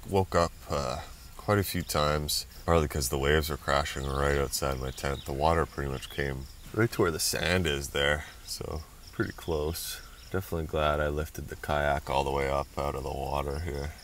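A man talking casually to the camera from inside a tent on a beach, relaxed and chatty with the odd hesitation. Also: rumbling low, moderate pace, a little hiss or hum. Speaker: travel vlogger.

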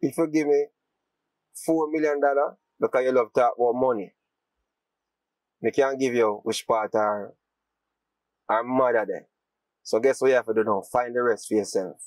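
A man with a Jamaican accent playing a fast-talking man who teases about money. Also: medium pitch, steady tone, dry recording, natural voice, rough recording. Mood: taunting. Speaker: actor. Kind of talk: low-budget film drama.

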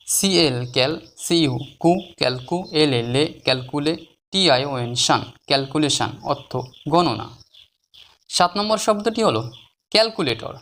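A patient teacher runs a spelling lesson, sounding words out letter by letter and then syllable by syllable. The voice has a middling pitch and rises noticeably whenever a new word is announced. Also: fairly bright tone. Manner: slow and deliberate when sounding out syllables. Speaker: English teacher.

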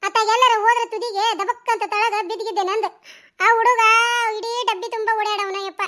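A woman voicing a fussy, dramatic village woman in a cartoon, with a North Karnataka Kannada accent and an excitable, chattering delivery. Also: extremely high pitch, brisk. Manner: excitable, storytelling, scolding. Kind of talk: cartoon voice acting.

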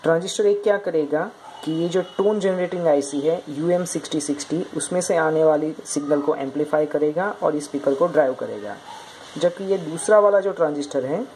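A woman's voice: low voice, warm tone, slight background noise, poor audio. A woman explaining an electronics project step by step, pointing out each part as she goes. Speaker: project demonstrator.

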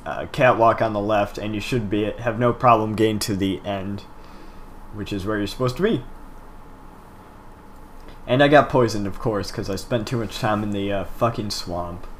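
A man's voice: on the low side, moderate pace, slight background noise. A young man giving casual game walkthrough commentary, laid-back and swearing freely as he explains the route.

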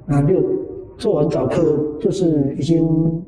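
Male monastic teacher, casual dharma talk, high animated delivery, dark mellow timbre, boomy distant hall sound. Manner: animated, repeats phrases, often ends lines with drawn-out particles. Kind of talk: conversational dharma talk with personal anecdotes. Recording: echoey hall, voice from far off the mic.

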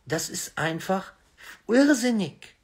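A man's voice: high voice, big pitch swings, slow, husky. A man giving an argumentative religious lecture as a preacher, insistent and full of rhetorical questions. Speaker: Islamic preacher.

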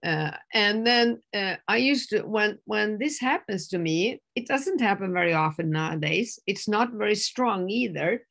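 A woman addiction specialist giving a calm, conversational lecture, often slipping into quoted voices and using many "you know" fillers. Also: medium pitch, measured pace, gravelly, few pauses. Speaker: addiction specialist presenting to a group.

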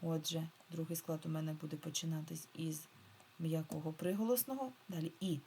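A woman teacher with a somewhat low voice leads a remote reading lesson for young children. She draws words out slowly and sounds them out syllable by syllable, repeating each one patiently. A faint hiss sits under her voice. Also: fairly even intonation, darkish tone. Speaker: primary school teacher.

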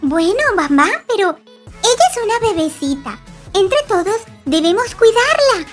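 A woman voicing a patient, gentle mother creature who speaks soothingly in a game role-play story. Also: very high-pitched, unhurried, soft background music, voice pushed up, heavily acted. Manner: soothing, calm.

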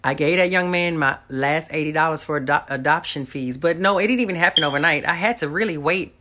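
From a small room at home, a woman vlogger shares a faith-filled personal testimony straight to the camera. Her earnest voice sits low, brisk and a bit bright, with slight background noise.

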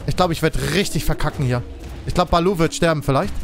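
A man giving excited, exclamatory commentary while playing a game, talking aloud to his creatures. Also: a little high, fast talker, faint music behind. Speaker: let's play host.

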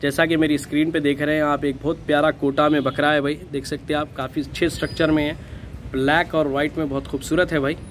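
A fairly high-pitched man shows a goat for sale in an outdoor pen, talking in a flat, even tone. He films on a handheld phone, and faint street noise runs underneath. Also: quick pace. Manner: flat, steady, repeatedly says "bhai". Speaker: goat farm seller. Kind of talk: casual sales walkthrough.

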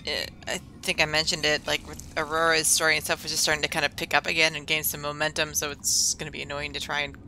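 A woman livestreams a game with casual, rambling commentary. Her voice is low and scratchy, hoarse from being sick. Her tone is bright and gravelly. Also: flat delivery, fast, hardly any pauses. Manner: chatty, rambling asides. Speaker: streamer.

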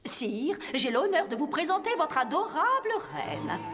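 A woman's voice: high-pitched, big pitch swings, a little slow, fairly bright tone, faint music behind, exaggerated voice. A woman voicing a formal, insistent royal courtier in a cartoon. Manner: formal and firm. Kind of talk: French cartoon voice acting.

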